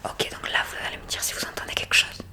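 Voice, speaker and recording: An ASMR creator plays a hearing examiner, whispering straight to the listener in a medical roleplay. Her breathy, unvoiced whisper moves at a quick pace with a sharp tone.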